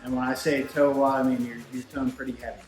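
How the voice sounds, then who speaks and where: A man's voice: mid-range voice, flat delivery, fast talker. A man in casual, explanatory technical shop talk, speaking conversationally as a product expert, with machines running behind him. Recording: roomy echo, music, machinery behind. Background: shop machines running in the background.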